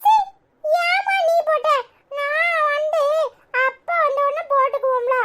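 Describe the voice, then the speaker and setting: Woman doing a squeaky little cartoon boy. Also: measured pace, fairly bright tone. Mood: playful. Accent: Tirunelveli Tamil. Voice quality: squeaky and childish, drawn out. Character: small excitable boy, curious and whiny. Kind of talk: cartoon voice acting.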